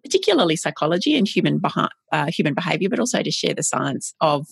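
A woman's voice: low-pitched, sing-song, quick pace, creaky, breathy edge, dry recording. A woman hosting a podcast interview, asking thoughtful, meandering questions in a conversational way. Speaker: podcast host.

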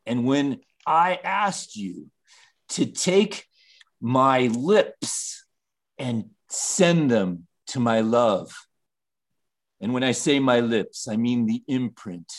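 A man's voice: medium pitch, animated, full character voice. Guy doing cocky big man on campus bully, mocking, drags words out, voice swoops around, radio comedy. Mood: taunting. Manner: mocking, drawn-out, theatrical repetition. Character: taunting, self-important high school bully, big man on campus. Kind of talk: comedic radio-play acting.

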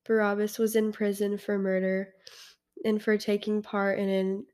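A young girl reading scripture aloud, soft and a little hesitant. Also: mid-range voice, little pitch movement, moderate pace, clean tone.

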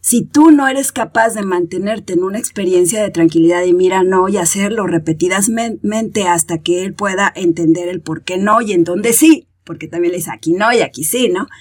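A woman's voice: medium pitch, moderate pace, few pauses, a little mellow, slightly rough. A woman, a parenting expert explaining her ideas in a podcast conversation and acting out examples in quoted voices.

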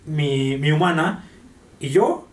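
A man's voice: animated, slow pace. Explanatory Mexican man in echoey room. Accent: Mexican Spanish. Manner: explanatory, acts out owners' scolding in high voice. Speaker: dog behavior guest. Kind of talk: casual podcast explanation. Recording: echoey room, mic at a distance.

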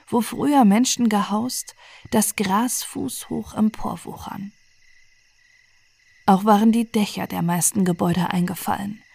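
A woman reading a fairy tale aloud at bedtime in a calm, soft way, at times close to a whisper. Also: mid-range voice, vocal fry, no echo. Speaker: storyteller.

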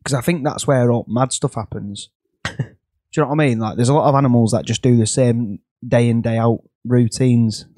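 A man's voice: mid-range voice, steady tone, normal speed, warm tone, no echo, studio quality. A man with a Northern English accent chatting casually and teasingly as a podcast co-host among friends. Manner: matey, teasing.

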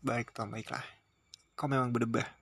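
A man's voice: medium pitch, flat delivery, normal speed, gravelly, breathy edge. A man voicing a male political fixer who is irritated and reproachful on a phone call, in an audiobook reading. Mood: grudging. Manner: reproachful, complaining.

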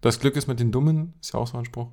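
A man co-hosting a podcast, chatting casually and telling jokes of his own in a relaxed way. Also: medium pitch, fast talker. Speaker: podcast co-host. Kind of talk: casual joke-telling chat.

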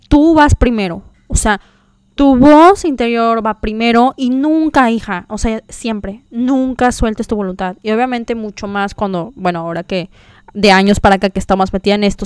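Chatty confiding woman, crisp voice. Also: fairly high pitch, no room sound. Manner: chatty, confiding, many fillers. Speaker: podcast host. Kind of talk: casual storytelling chat.

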